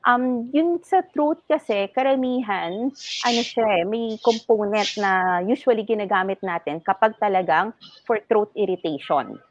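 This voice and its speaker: A woman's voice: medium pitch, normal speed, no room sound, muffled recording. A woman ENT doctor, a guest on a health talk show, explaining things patiently in a mix of English and Tagalog.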